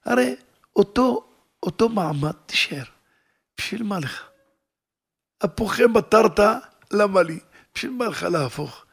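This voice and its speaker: A man voicing a sensible wife who talks her husband out of joining a rebellion, in hushed, dismissive questions. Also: high-pitched, animated, vocal fry, pauses often, slightly rough, voice pushed up, full character voice. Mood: scolding.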